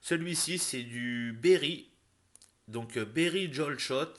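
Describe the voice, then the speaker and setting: A man's voice: medium pitch, slow pace. A man giving a casual product review to his viewers, hesitant with lots of fillers and restarts, but enthusiastic when recommending. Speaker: vlogger reviewing e-liquids.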